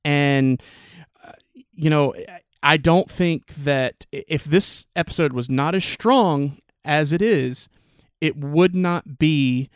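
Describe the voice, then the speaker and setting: A man co-hosting a casual chat podcast, rambling with lots of fillers and restarts, excitable. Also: fairly high pitch, slow, smooth, dry recording, clean studio sound. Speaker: podcast co-host.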